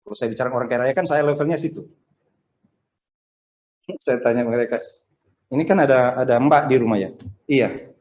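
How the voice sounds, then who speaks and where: A man preaching a Sunday sermon in a conversational, animated way, acting out the people he quotes. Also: medium pitch, normal speed, long pauses, echoey room. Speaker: pastor. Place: church service streamed over video call.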